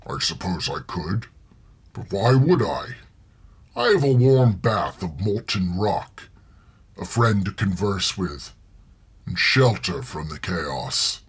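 A man putting on a deep rumbling ancient dragon. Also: big pitch swings, slightly rough, exaggerated voice. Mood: calm. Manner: deep rumbling, slow and measured. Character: huge ancient male dragon, calm and world-weary.

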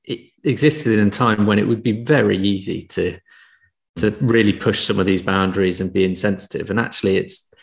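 A man with a gravelly, fairly low voice co-hosts a podcast chat. He speaks in a measured, thoughtful way. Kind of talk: casual chat.

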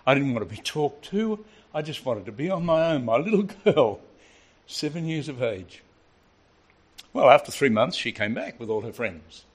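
An older man preaches to a small congregation, moving easily between personal story and teaching. His voice sits in an ordinary middle pitch, and his delivery rises and falls with the tale. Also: moderate pace, breathy edge. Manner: storytelling, lively and varied delivery. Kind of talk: sermon.

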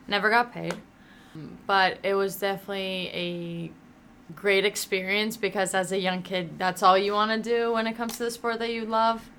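A woman's voice: mid-range voice, a bit bright, slight background noise. A woman in her early twenties who grew up in Greece, chatting casually as a graduating student guest on a podcast, full of "like"s. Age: early 20s. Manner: chatty, uses many fillers. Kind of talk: casual interview answers.

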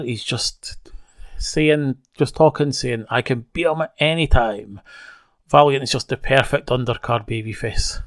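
A man at a middle pitch talking through an old wrestling episode in a relaxed, conversational way. The sound is close and dry with no room around it, and he drops wry little asides as he goes. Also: dry recording. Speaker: wrestling show reviewer. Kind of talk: casual recap narration.

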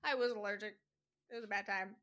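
A young woman in casual chat with a friend, chatty and animated, laughing easily. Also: medium pitch, fast talker.

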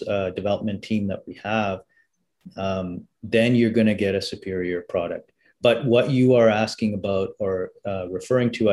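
A man's voice: fairly low pitch, darkish tone. A man answering as a guest in a business interview. He talks thoughtfully and often restarts his sentences. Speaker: health software company guest.

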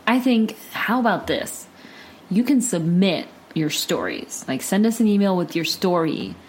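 A woman's voice: mid-range voice, very animated, measured pace. Wry woman in her thirties, noisy recording. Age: 30s. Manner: playful, wry, laughs through lines. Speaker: podcast co-host. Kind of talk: casual chat.

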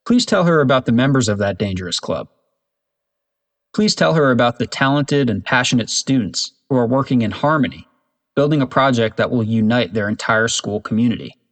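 A man's voice: medium pitch, animated, a little fast, lightly acted. A man voicing an earnest, persuasive middle-aged school principal in a storybook reading.

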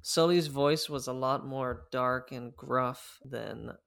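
A man's voice: mid-range voice, slow pace, vocal fry, fairly bright tone, clear, resonant tone. A man co-hosting a casual podcast, making wry remarks with trailing asides. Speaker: podcast co-host.

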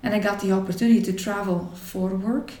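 A woman in her forties from Belgium, telling her life story to an interviewer in a thoughtful way, with many pauses and restarts. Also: mid-range voice, steady tone, darkish tone, echoey room, recorded from a distance. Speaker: interview guest. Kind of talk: reflective personal storytelling.

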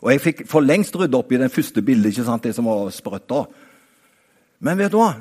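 A man preaching a sermon. He talks straight to his listeners, rising to emphatic high points and then dropping to quiet asides. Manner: animated, talks straight to the listener with repeated "vet du hva?"; swings between raised, emphatic peaks and quiet, low-voiced asides.

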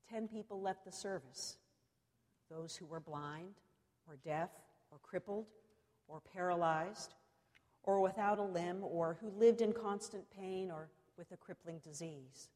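A woman preacher delivering a cathedral sermon in measured, solemn oratory, pausing deliberately between short phrases. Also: fairly low pitch, darkish tone. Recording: long reverberant echo of a large hall.

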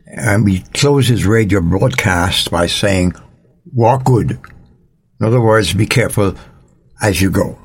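Old guy doing a slow radio devotional, kinda husky, warm fatherly advice. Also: lowish voice. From Jamaica. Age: older. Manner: slow, earnest, fatherly counsel with dry humor. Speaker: radio Bible teacher and host. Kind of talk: gentle devotional radio talk.

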